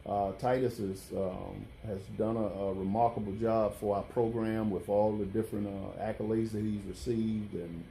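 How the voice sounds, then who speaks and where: Dark-voiced man, football coach. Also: fairly low pitch, steady tone, moderate pace, vocal fry, few pauses, slight background noise. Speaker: college football head coach. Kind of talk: interview answers.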